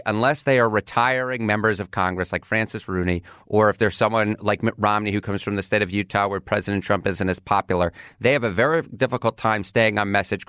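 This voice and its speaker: A man with a New York accent talks quickly as a polling analyst on cable news. He pushes his points with rhetorical questions, and his voice sounds dry and close with no room echo. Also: on the low side, fairly bright tone, smooth. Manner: rapid, emphatic, rhetorical questions.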